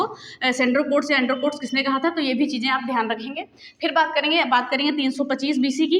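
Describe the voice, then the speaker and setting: Woman teacher, high and quick, question-and-answer drilling, reverberant room. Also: slight background noise. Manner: repeats key facts as questions and answers. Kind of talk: exam revision lesson. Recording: echoey room with long reverb.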